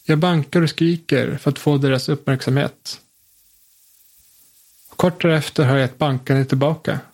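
A man telling a suspenseful first-person story in a calm, measured way. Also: a little high.

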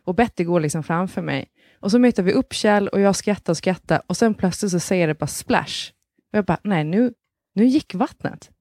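A woman in her thirties tells a story in a casual podcast chat with a lowish voice. She laughs often, swears casually and acts out other people's lines. The recording is dry and close. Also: a little mellow, dry recording. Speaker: podcast co-host.

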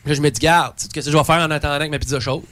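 A man's voice: a little high, rapid-fire, dry recording. A man with a Québécois accent telling a comic story among friends, ranting, swearing freely and acting out both sides of the conversation. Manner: animated ranting, heavy swearing, acts out both sides of a dialogue.

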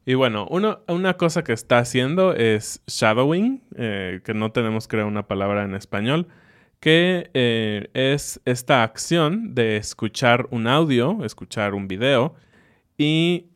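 A man co-hosts a relaxed podcast conversation. His mid-pitched voice is smooth and resonant, and he moves the talk along with easy questions. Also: unhurried. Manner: relaxed, asks prompting questions. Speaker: podcast co-host. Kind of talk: casual educational podcast chat.

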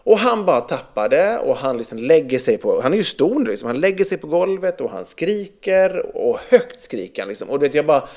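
Man in his thirties, casual podcast chat, fairly high, very lively pitch, animated storyteller who swears. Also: hardly any pauses. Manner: animated storyteller, swears freely, many fillers.

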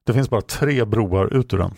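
A grim swordsman in a storybook who speaks with heavy foreboding, voiced by a man. The voice is deep and gravelly, dry and close. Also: a little mellow, dry recording. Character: grave male swordsman, ominous.

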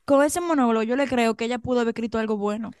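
A woman's voice: on the high side, racing, a little mellow, smooth, dry recording, clean studio sound. A woman, co-hosting a gossip podcast and recapping with emphatic enthusiasm. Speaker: podcast co-host. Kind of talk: casual gossip chat.

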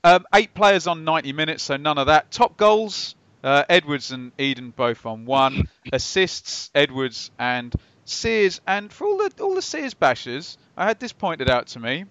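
A man's voice: on the high side, big pitch swings, unhurried, few pauses, a bit bright, no echo. Man, football podcast host, casual, jokey explainer, dry close sound, slightly lo-fi. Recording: slightly dull lo-fi microphone sound.

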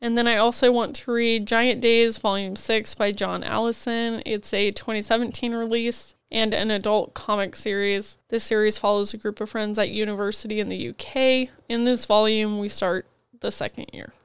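A woman talks casually through her reading list on a book podcast. She is fighting a cold, but her voice still comes through smooth and clear. The sound is close and dry, with no room echo. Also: mid-range voice, little pitch movement, normal speed. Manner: chatty, rambling book rundowns with frequent "like". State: has a cold, head foggy.

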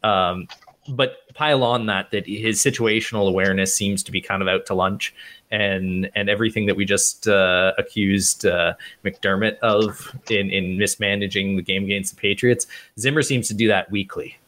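A man's voice: fairly low pitch, steady tone, moderate pace, fairly bright tone. A man co-hosting a casual sports podcast, opinionated and thoughtful, often restarting as he builds his point. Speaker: podcast co-host.

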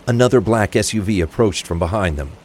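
A man reads scripted narration for a crime thriller audio drama in a fairly low, fairly quick, slightly mellow voice. Faint rain and traffic ambience sits under the recording, with rain and vehicle sounds in the background.

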